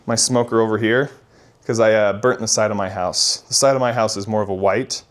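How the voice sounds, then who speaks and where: A man's voice: on the low side, fairly even intonation, a little fast. A man working as a real estate agent gives a casual walk-through home tour in an upbeat, enthusiastic manner.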